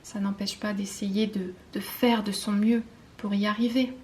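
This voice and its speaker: A French woman giving a spiritual card-reading guidance, talking softly and intimately, often slipping into a whisper, with hesitant fillers and self-mocking laughs. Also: medium pitch, level tone. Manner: slow, soft and intimate, often dropping to a whisper. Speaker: tarot card reader.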